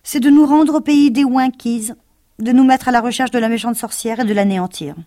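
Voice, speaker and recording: A woman's voice: a little high, brisk, dark tone, no room sound, studio quality, pitched above the performer's own voice, close to an everyday voice. A woman voicing a cowardly male lion in a storybook reading, pleading and trembling. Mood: resolute.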